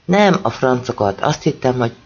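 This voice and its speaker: A man's voice: medium pitch, sing-song, darkish tone, muffled recording, slight background noise. Man voicing a timid teenage boy. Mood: apologetic. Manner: hesitant, apologetic.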